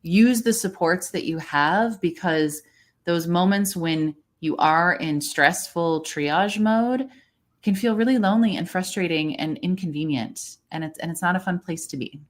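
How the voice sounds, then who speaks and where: Her voice is lowish and her delivery a little slow. A guest voice coach on a livestream, she gives friendly, encouraging guidance and explains things in a conversational style.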